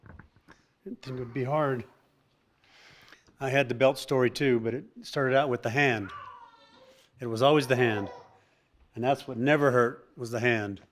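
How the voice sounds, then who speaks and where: Middle-aged man reminiscing haltingly. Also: mid-range voice, steady tone, a bit bright. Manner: halting, reminiscing, many restarts and laughs. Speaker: son giving a family tribute. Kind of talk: speech at a family birthday gathering.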